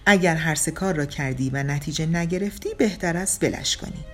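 A woman's voice: deep voice, fairly bright tone, soft background music. A woman voicing a blunt middle-aged woman. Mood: frank dry. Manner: frank, dry, matter-of-fact. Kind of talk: audiobook character reading.

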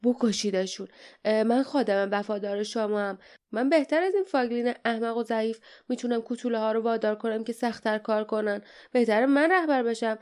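A woman voicing a cowardly, scheming red-bearded male traitor, shrill and fawning, mumbling as he talks. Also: darkish tone, smooth, natural voice.

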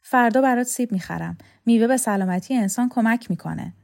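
A woman's voice: a little high, gravelly, darkish tone, pitched above the performer's own voice. A woman reading the part of a practical, curt woman in an audiobook.

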